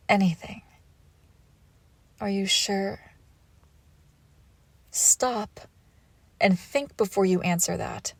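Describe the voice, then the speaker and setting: Fully in character, a woman with a mid-range voice performs a menacing, seductive crime-boss villain and hurt former lover for an intimate audio roleplay. Her delivery is commanding and breathy, often dropping into whispers, and the recording is dry.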